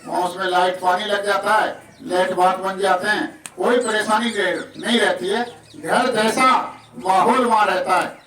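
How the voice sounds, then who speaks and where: A man from Rajasthan preaches to villagers in a high, folksy voice and slips into their voices as he talks. He is heard from a distance in an echoey outdoor space, with faint noise and the occasional bird or animal behind him. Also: steady tone, normal speed, fairly bright tone. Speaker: satsang preacher. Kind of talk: village sermon and announcements.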